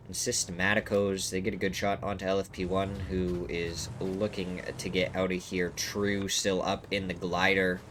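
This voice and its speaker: Guy casting a game live w a blocked nose, kinda low congested voice, excitable play by play, noisy background. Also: moderate pace, few pauses. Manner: excitable, voice leaps high and loud at big moments. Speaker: esports commentator.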